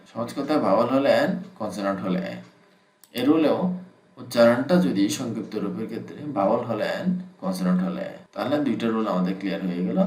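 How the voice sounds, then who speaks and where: A man's voice: on the low side, darkish tone. Patient male teacher in an echoey room. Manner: patient, repeats each rule step by step. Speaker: English teacher. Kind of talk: explaining grammar with examples.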